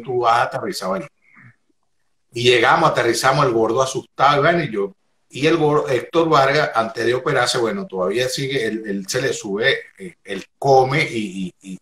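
A Venezuelan man telling a comic anecdote in an animated way, acting out shrieks and laughing often. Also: medium pitch. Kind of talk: animated storytelling. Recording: echoey room, faint noise.

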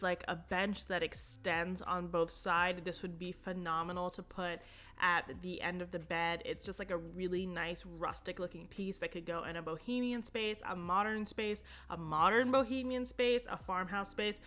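Young woman vlogger, bright voice, chatty and upbeat, rambling about decor finds. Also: lowish voice, fairly even intonation, moderate pace. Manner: chatty, upbeat, lots of fillers and asides. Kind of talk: casual shop-with-me voice-over.

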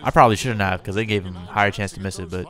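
Lower-voiced man commentating his gameplay. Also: very fast. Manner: chatty, coaches his in-game players directly; reacts with bursts of excitement. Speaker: gamer and channel host.

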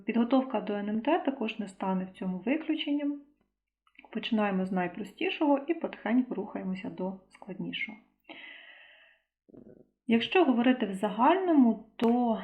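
Woman teaching on a thin, phone-like line. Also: medium pitch. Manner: patient and explanatory, with frequent fillers. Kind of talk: exam-prep lesson. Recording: phone-like narrow sound.

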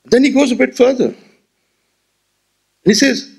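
At an auditorium podium with a gooseneck mic, a sixty-something man with an Indian English accent gives a memorial lecture, gesturing expressively with rhetorical flourish. The voice is very high-pitched, creaky and husky, and he takes his time.

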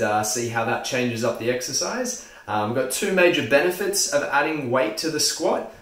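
A man's voice: medium pitch, fairly bright tone. A young man in his twenties, a gym instructor, giving a casual home-workout tutorial with a loose, friendly delivery and plenty of fillers. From Australia. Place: home hallway, indoors. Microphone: camera mic, close then from across the room. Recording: echoey room, distant at times, faint music.

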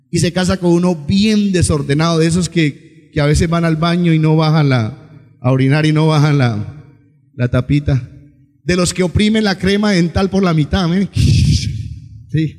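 A male pastor preaches with animation, asking his congregation questions. His voice sits high, and a long reverb from the church hall trails each phrase. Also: a little mellow. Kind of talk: sermon.

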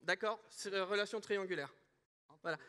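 A man hosting a prize draw live on a large stage, playful and animated like a game show host. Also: high-pitched, moderate pace, smooth. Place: large conference hall stage, indoors.

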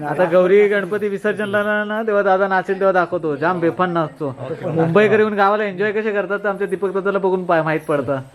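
Chatty konkan guy vlogging outdoors, high voice, talks sing-song to his kid. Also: steady tone, fast talker, crowd noise. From Konkan, Maharashtra. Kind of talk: casual walking vlog.

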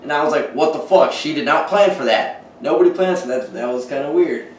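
A young man co-hosting a podcast, telling an unsettling story haltingly with many fillers in casual chat. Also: fairly high pitch, animated. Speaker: podcast co-host. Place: dining room at night, around a table. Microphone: far camera. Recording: roomy, distant, faint hiss.

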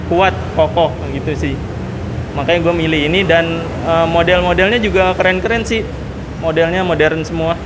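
A man's voice: fairly high pitch, steady tone, moderate pace. A young man chatting casually as an interview guest, giving short answers in a noisy showroom. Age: young adult. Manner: informal, brief answers. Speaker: giveaway winner being interviewed. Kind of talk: casual chat. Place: large indoor car wheel showroom. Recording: very noisy indoor shop ambience.

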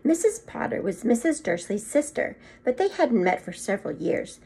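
This middle-aged teacher has a fairly high voice with a breathy edge and reads at a normal speed. She animatedly acts out a children's story for her second grade class, tossing in short asides. The low-quality audio comes from a phone or tablet propped at arm's length indoors in a small home room.

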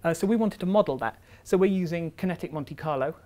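A man's voice: a little high, fast talker, a little mellow. A young man giving an academic seminar in a lecture room, explaining step by step with frequent ums and uhs. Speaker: visiting researcher giving a seminar.

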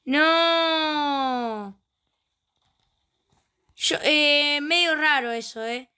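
Brief: Rioplatense woman host, let's play commentary, high voice, chatty and exclamatory. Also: a little slow, a bit bright. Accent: Rioplatense Spanish. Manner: chatty, exclaiming often while playing. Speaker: gaming channel host.

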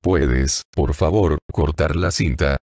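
Male narrator voicing a captive woman spy, tense and defiant, very deep with a dry studio sound. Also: slow, gravelly, a little mellow, no echo, heavily acted.

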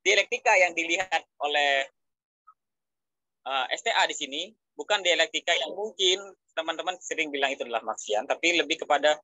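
A man's voice: on the high side, expressive, fairly quick, pushed and bright, dry recording, rough recording. A man with an Indonesian accent presenting in an online discussion, hesitant, with many fillers and restarts. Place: online video call.

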